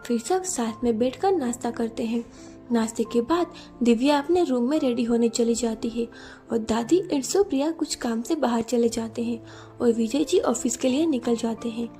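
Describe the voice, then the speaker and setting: A woman narrating a romance story in a steady, even reading style. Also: a little high, normal speed, faint music behind.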